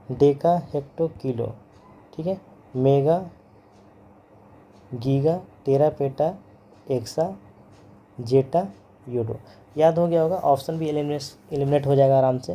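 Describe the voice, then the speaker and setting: A man's voice: mid-range voice, warm tone. A man teaching physics in a lecture, repeating each term and its pronunciation over and over, mixing English terms into his Hindi. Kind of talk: classroom lecture.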